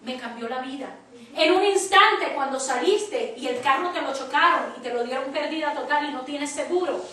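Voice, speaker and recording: A woman's voice: high voice, animated, normal speed, pushed and bright. A woman preacher teaching a church class, telling a personal story with emphatic quoted dialogue. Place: church hall. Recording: echoey church from far off.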